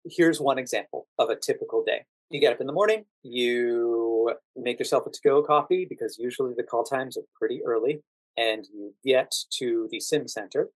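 A middle-aged American man, an actor and standardized patient, appears as a podcast guest, explaining things and telling anecdotes conversationally. His voice is mid-range at a moderate pace. There's no room sound, but the audio quality is poor.

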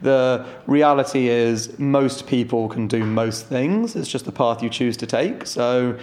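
A man's voice: mid-range voice, a little slow, a little mellow. A man, a startup founder in a casual interview, talking candidly and swearing freely. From London.

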